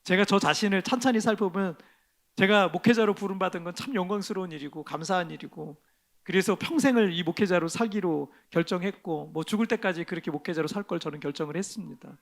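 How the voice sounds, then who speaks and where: A middle-aged male pastor preaching in a church, his voice pitched high with a gravelly edge. He talks in a conversational, self-deprecating way and swings from hushed lines to loud ones. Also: fast talker. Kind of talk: sermon. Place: church sanctuary.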